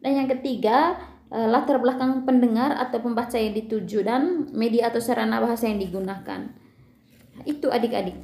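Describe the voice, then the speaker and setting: Woman teacher with a gravelly, echoey voice. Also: fairly high pitch, brisk, warm tone. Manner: explanatory, asks questions to students, frequent fillers. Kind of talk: recorded lesson video.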